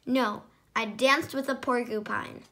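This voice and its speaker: A caring male animal friend from a children's storybook who fusses gently over his pal , put on by a woman. His voice is bright and lifted. He sounds sympathetic and easy. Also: fairly high pitch, steady tone, measured pace. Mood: wry. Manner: gentle, fussing concern. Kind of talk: storybook reading.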